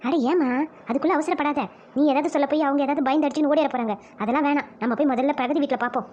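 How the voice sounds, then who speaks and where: A woman voicing a calm, bossy village neighbour in a cartoon family drama, brisk and soothing. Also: sits high, muffled recording, natural voice. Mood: reassuring. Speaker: cartoon voice actor.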